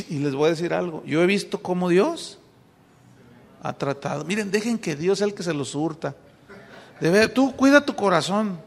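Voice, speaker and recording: A man preaches a sermon in a high, gravelly voice. He tells his story by acting out the dialogue and often starts phrases over. His voice carries the long reverb of a large hall. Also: animated, normal speed. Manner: storytelling with acted dialogue, many restarts. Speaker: pastor.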